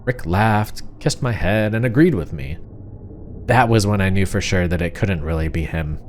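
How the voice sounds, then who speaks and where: A man narrating a horror story in the first person as a frightened, suspicious wife, confiding and uneasy, with deliberate pauses. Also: low-pitched, animated, darkish tone, slight background noise. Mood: tense, suspicious. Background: music.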